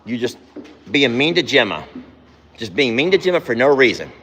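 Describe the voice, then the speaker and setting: A man's voice: mid-range voice, sing-song, normal speed, fairly bright tone, slight background noise. A man chatting casually on his farm vlog as he does barn chores. He coos at the animals and scolds them in a sharply raised voice. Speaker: farm vlogger.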